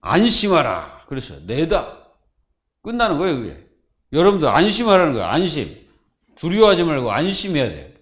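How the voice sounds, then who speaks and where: A man's voice: fairly high pitch, sing-song, quick pace. A man preaching a Friday sermon as pastor, asking the congregation questions and answering them himself.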